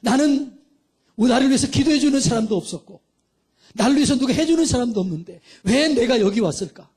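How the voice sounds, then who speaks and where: A man's voice: very high voice, lively intonation, fairly quick, darkish tone, slightly rough. A middle-aged male pastor preaching fervently, calling for amens and acting out little dialogues. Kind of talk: sermon. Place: church sanctuary.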